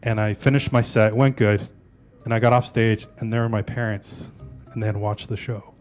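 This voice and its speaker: A man's voice: lowish voice, steady tone, moderate pace, faint music behind. A man in his forties, a stand-up comedian, chatting casually about his life and telling jokes, often tagging his lines with "right?". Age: 40s. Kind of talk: casual interview and stand-up set.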